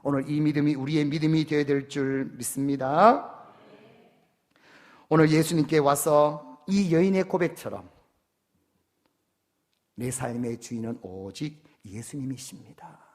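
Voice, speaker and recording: A man's voice: fairly high pitch, measured pace, long pauses, a little mellow. A man pastor preaching a sermon in an emphatic way, often putting questions to his congregation.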